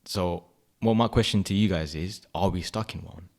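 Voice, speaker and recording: A man's voice: deep voice, moderate pace, creaky, darkish tone. A man in his late twenties with a London accent, co-hosting a podcast in laid-back, slangy chat. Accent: London English. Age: 20s. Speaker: podcast co-host. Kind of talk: casual chat.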